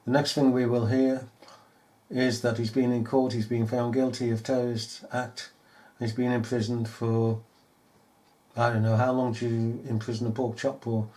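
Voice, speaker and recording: A man's voice: medium pitch, little pitch movement, normal speed, dark tone. A man giving a casual, sarcastic commentary over news footage, mocking and often laughing. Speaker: video commentator.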